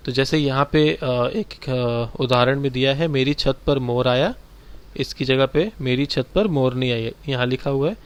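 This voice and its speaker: Working through textbook exercises with primary-school children, a male teacher explains every item in a slow, direct way. He speaks at a medium pitch with a smooth sound.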